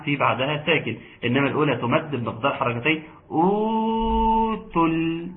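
A man with an Egyptian accent teaching Quran recitation rules, chanting verses slowly and explaining quickly. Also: medium pitch. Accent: Egyptian Arabic. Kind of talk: online tajweed lesson. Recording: tinny online call audio.

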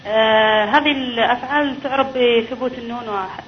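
A woman's voice: on the high side, brisk. A woman calling in from Saudi Arabia, hesitant and unsure of her answers. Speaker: caller. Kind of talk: phone-in question. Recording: faint noise, dull phone-in line.

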